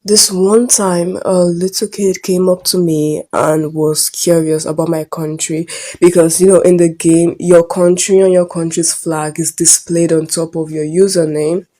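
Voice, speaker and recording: A woman's voice: fairly low pitch, fairly even intonation, a little slow. A Nigerian teenage girl with a Nigerian accent, telling a casual storytime vlog in a rambling, hesitant way. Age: late teens. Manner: rambling and hesitant, often trailing off quietly. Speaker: vlogger.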